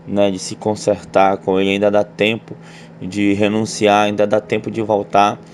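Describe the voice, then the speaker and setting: A man's voice: on the low side, completely flat delivery, normal speed, darkish tone, a little hiss or hum. A man with a Brazilian accent, an apostle giving sermon commentary in a preacherly manner, rising sharply when he quotes scripture. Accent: Brazilian Portuguese. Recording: faint music underneath.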